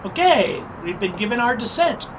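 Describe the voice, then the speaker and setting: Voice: mid-range voice, moderate pace. A flight simulator streamer giving casual, explanatory live commentary while thinking aloud. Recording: noisy, steady engine-like background hum.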